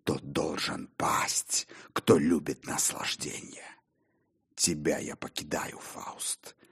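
A male audiobook narrator voicing an ominous angel of evil speaking from a stage in a low, hushed voice. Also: flat delivery, slow, creaky, husky, exaggerated voice. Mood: menacing.

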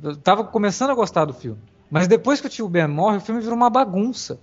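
Brazilian man, high register, argumentative podcast co-host, muffled lo-fi audio. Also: big pitch swings, fast. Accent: Brazilian Portuguese. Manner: blunt, dismissive, argumentative. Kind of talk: heated casual film discussion. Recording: dull lo-fi recording.

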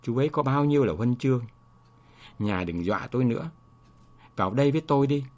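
A man's voice: medium pitch, lively intonation, a little fast, darkish tone, muffled recording, close to an everyday voice. A man reading as a grieving village wife. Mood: pleading. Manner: pleading and frightened. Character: grieving village wife, haunted by her husband.

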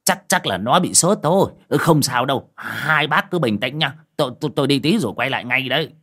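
A man's voice: medium pitch, lively intonation, fairly quick, fairly bright tone, pitched above the performer's own voice. A man voicing a jittery bald old villager who stammers and trembles with fear, in a spoken horror tale. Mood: flustered.

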